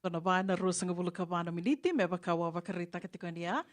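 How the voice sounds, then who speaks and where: A woman with a Fijian accent hosting a community radio interview, measured and full of filler sounds. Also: on the low side, no echo. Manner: measured, many filler sounds, switches between two languages. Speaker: radio show host.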